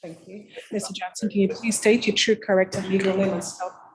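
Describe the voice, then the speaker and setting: A woman's voice: medium pitch, little pitch movement, fairly quick, a crowd in the background. A woman acting as court clerk, reading formal questions and oaths to defendants in a plea hearing.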